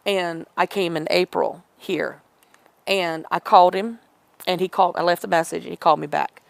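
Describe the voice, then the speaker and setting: This middle-aged woman, an interview guest, has a fairly low voice with vocal fry, fairly even intonation and normal speed, recorded with no echo. She rambles emotionally through a personal story, acting out what other people said.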